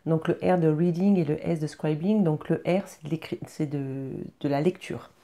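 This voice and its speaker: Low, dark-voiced woman vlogging casually. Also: steady tone, moderate pace. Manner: hesitant, many fillers and restarts; earnest, encouraging, speaking directly to viewers. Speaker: vlogger sharing personal routines. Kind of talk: casual personal vlog.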